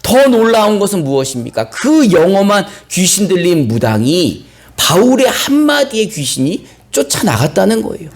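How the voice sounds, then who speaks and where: A male pastor preaching a sermon and reading scripture, telling the story with animated, acted-out flair. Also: high voice. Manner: animated storytelling, acts out biblical characters.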